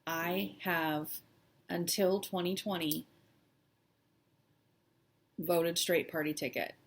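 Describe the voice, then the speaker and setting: A woman vlogger chatting casually and personally, halting and hesitant with long pauses, sounding shaky and close to tears. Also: on the low side, steady tone. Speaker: cross-stitch vlog host. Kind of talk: casual personal chat to camera.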